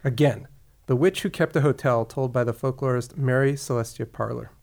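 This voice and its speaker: A man's voice: mid-range voice, fairly even intonation, fairly quick, creaky, a little mellow. Wry male podcast co-host. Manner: wry, informative presenter. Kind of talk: scripted podcast chat.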